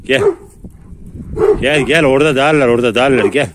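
A man's voice: medium pitch, moderate pace, noisy background. A man chatting casually to viewers while calling and praising his dogs in the countryside, coaxing them over and over. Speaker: dog owner vlogger. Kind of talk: casual vlog narration while handling dogs. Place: outdoors in rural countryside.

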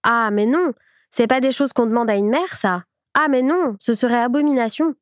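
A woman's voice: on the high side, expressive, normal speed, a little mellow, no echo, clean studio sound. A woman voicing a furious peasant farm mother who speaks in blunt, indignant, rustic speech.

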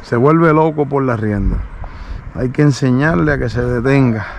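A male horse trainer outdoors on a road, explaining his method while calmly coaxing a young horse with short soothing commands. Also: medium pitch, moderate pace, creaky, a little hiss or hum.

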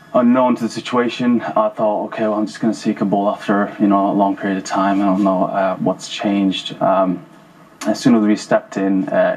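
A man in his thirties, originally from Afghanistan, speaking as a guest in a TV studio interview. He talks haltingly, with repeated words and fillers, into a lapel mic. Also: deep voice, a little mellow, a little hiss or hum, low-quality recording. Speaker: former paratrooper guest. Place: TV studio sofa.

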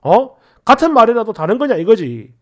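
Young guy telling a story, exasperated and chatty, really high lively voice. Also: fairly quick. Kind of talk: scripted story narration.

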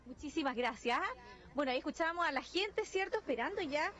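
High-voiced woman reporting live. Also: expressive, a bit bright, a little hiss or hum. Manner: brisk, upbeat, many questions. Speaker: field reporter. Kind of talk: live on-location news report. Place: sunny beach outdoors. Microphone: handheld microphone.

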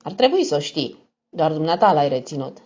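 A woman's voice: sits low, very animated, a little mellow. A woman voicing a cold, reserved and tired young woman. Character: weary, cold young woman under threat. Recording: dull lo-fi recording.

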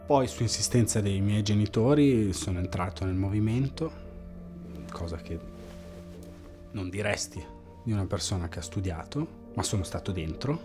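A low-voiced, deadpan former party member talks flatly to camera in a mockumentary interview, played by a man. Music plays softly underneath. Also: moderate pace, close to an everyday voice. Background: background music.

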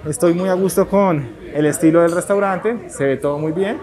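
A man's voice: high voice, normal speed. A young man talking through a face mask, casually vlogging about a trip from Colombia and enthusiastically touring a restaurant and the city streets. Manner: enthusiastic, leans on filler phrases. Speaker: travel vlogger. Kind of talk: casual travel vlog. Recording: crowd noise around the speaker.

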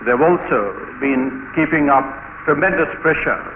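A middle-aged naval commander reports in a measured, confident way, his voice at an ordinary pitch. The old newsreel audio is dull and lo-fi, with a steady hiss underneath. It rings with a long, roomy reverb. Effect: old radio newsreel sound. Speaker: naval chief giving an interview. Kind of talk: archival newsreel interview. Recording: dull, noisy, echoey archival newsreel recording.

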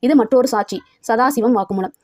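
A woman's voice: fairly high pitch, a little fast, dry recording. Woman storyteller, close and dry. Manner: steady, expressive reading. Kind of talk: reading a story aloud.

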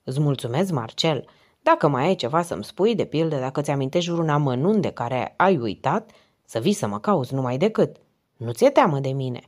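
Woman reading a calm, low-voiced police inspector. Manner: calm, encouraging, measured questions. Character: calm middle-aged male police inspector.

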